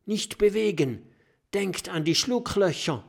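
Guy doing a young dragon kid, brave, shouting to friends, storybook. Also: fairly high pitch, huge pitch swings, a little slow, voice pushed up, exaggerated voice. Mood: eager.

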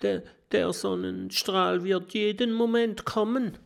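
A man's voice: high voice, steady tone, slow, vocal fry, voice pushed up, heavily acted. A man voicing a timid male professor in a children's storybook, with a trembling, stammering voice. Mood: fearful.

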